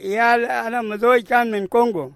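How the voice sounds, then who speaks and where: A man's voice: very high voice, fairly even intonation, fast, vocal fry, fairly bright tone. An 80-year-old man from South Sudan, a refugee giving short, plain answers in an interview. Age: 80s.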